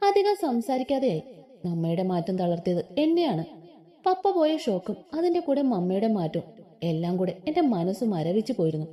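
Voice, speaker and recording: A woman voicing a young male lecturer who is tender and possessive, speaking low and hushed.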